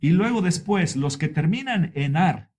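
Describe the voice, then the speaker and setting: A male teacher with a fairly high voice that swoops up and down as he explains grammar. He goes over each point patiently and repeats it for his learners. Example words come out drawn-out and deliberate. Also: animated, a little mellow. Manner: stretches example words out slowly. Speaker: Spanish teacher.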